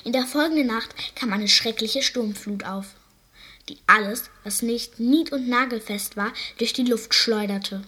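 A woman reading a children's story aloud, narrating in a calm storytelling way. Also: on the high side, a little slow.

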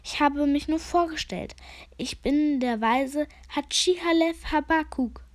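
A woman voicing a gloomy, self-important old male raven sage with a croaking voice and a grave, solemn way of speaking. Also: sits high, unhurried, voice pushed up. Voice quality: croaking, rasping.

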